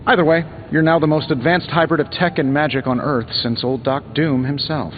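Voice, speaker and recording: A man's voice: a little high, fairly even intonation, phone-quality sound, slight background noise, lightly acted. A man voicing a cocky, wisecracking inventor superhero in a video game, glib and sarcastic. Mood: breezy, wry. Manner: glib, sarcastic, quick-witted. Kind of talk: video game dialogue acting.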